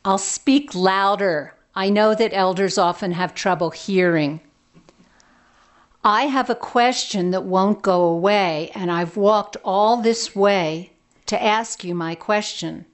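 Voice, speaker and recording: A headstrong young woman traveler in a told folk tale, pushing her words out loud and fast, as a woman storyteller puts her on. Her voice sits low with a gravelly edge and rises to press her point. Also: full character voice. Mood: pleading. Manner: loud, rushed and insistent.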